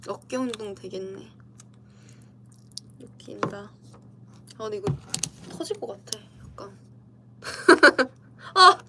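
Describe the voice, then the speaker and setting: A young woman, an idol streamer with a Korean dialect, chats casually with viewers from indoors, giggling playfully and answering comments. Her voice is fairly high, and there's heavy background noise on her computer livestream mic.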